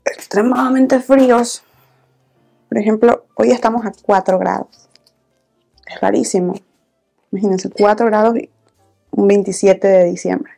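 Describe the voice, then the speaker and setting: A woman in her thirties talking softly and intimately, in a casual makeup-vlog chat. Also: gravelly. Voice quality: soft-spoken. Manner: soft, low-volume talking, intimate. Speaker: beauty vlogger, host. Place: small indoor room, filming setup.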